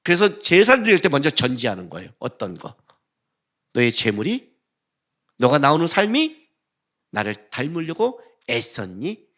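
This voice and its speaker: A male pastor preaching a lively sermon, his bright, fairly high voice swinging widely in pitch. He talks to the congregation conversationally and puts plenty of energy into his questions. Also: moderate pace, long pauses. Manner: animated, acts out God's blunt rebukes in a rough voice.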